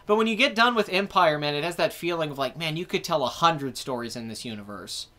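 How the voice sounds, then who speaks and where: A man's voice: on the high side, animated, brisk, pushed and bright. A man in his twenties hosting a casual live chat about movies, rambling and correcting himself as he answers viewer comments. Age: 20s. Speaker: host.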